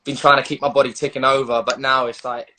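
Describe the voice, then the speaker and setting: A man's voice: medium pitch, level tone, quick pace, sharp tone, a little hiss or hum. A man with a London accent talking casually as an interviewed footballer, matey and slangy with hesitant phrasing, on a video call. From London, England.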